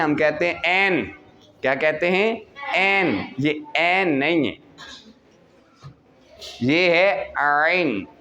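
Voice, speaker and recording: Slow-spoken man teaching Quran pronunciation. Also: fairly high pitch. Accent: Pakistani Urdu. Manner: stretches out sounds slowly to model pronunciation, asks and answers his own questions. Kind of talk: classroom lesson on recitation.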